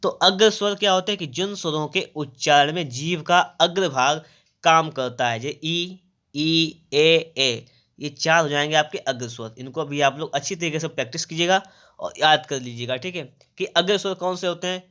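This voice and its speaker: A male grammar teacher, coaching exam students. His voice is bright and crisp and sits a little high for a man. He asks his own questions, answers them, repeats the key terms and draws out the vowels. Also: a little fast. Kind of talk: exam-prep grammar lesson.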